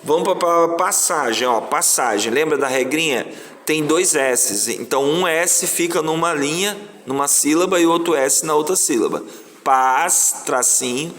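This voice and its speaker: A man's voice: a little high, a bit bright. A male teacher with a Brazilian Portuguese accent, patiently explaining a lesson and drawing out syllables. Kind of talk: slow classroom explanation. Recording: echoey room, faint noise.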